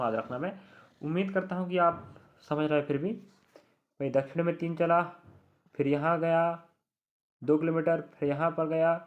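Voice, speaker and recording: A man's voice: a little high, narrow, tinny audio. A young adult man teaching a reasoning lesson for exam students, talking to them directly, repeating key words and reassuring them.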